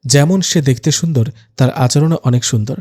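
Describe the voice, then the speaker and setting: A man's voice: mid-range voice, lightly acted. A man doing a chatty, gushing kid sister. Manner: excited, gushing, quick to take offence. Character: chatty teasing teenage younger sister.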